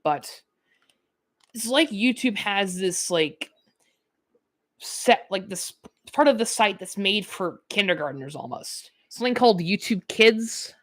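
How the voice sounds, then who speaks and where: Her voice is mid-range and fairly bright, with lively intonation and an unhurried pace. The nineteen-year-old woman is a gaming YouTuber doing rambling, talkative let's-play commentary, full of "like" fillers and regular laughs.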